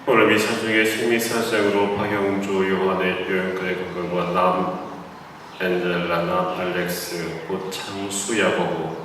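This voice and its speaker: A man's voice: low-pitched, level tone, unhurried. A man presiding at Mass as a priest, speaking in a formal liturgical style. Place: large church interior. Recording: echoey church, distant, noisy.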